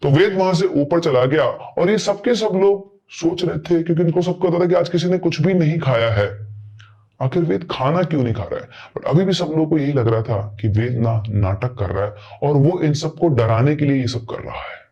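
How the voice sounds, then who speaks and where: A man's voice: on the high side, expressive, normal speed, warm tone. A man telling a horror story in a chatty, casual way, acting out the characters' lines. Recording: dull lo-fi recording.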